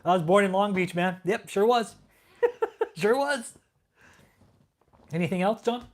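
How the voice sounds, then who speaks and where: A Californian livestream host with a high voice and lively intonation speaks at a measured pace. In casual stream chat, he reads messages and taunts a troll, swearing heavily and laughing.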